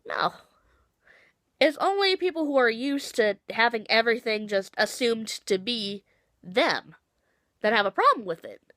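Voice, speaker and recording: Animated high-voiced woman vlogger with a cold. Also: unhurried, no room sound, clean studio sound. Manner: animated, sarcastic, swears freely. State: has a cold, sniffly. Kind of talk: casual rambling rant.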